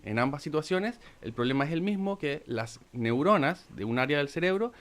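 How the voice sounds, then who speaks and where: A middle-aged man, a doctor explaining step by step in a radio talk, calm and methodical with pauses. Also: a little high. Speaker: physician guest.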